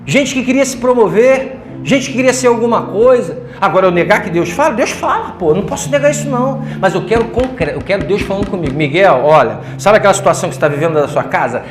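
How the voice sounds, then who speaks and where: A man's voice: high-pitched, animated, quick pace, background noise. A man preaching a sermon as pastor, joking and talking colloquially. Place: church hall. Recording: echoey church room with faint music.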